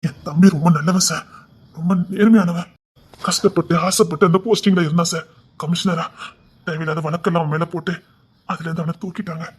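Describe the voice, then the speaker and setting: Man playing a desperate elder brother, begging and repetitive, highish voice, Tirunelveli Tamil accent. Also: steady tone, fairly quick, slightly rough. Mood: pleading.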